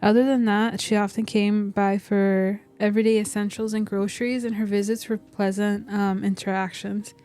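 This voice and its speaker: A woman's voice: mid-range voice, little pitch movement, moderate pace, hardly any pauses, dark tone, soft background music, natural voice. A woman reading aloud the game part of a formal, wordy, nosy male village shopkeeper. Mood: formal, intrigued.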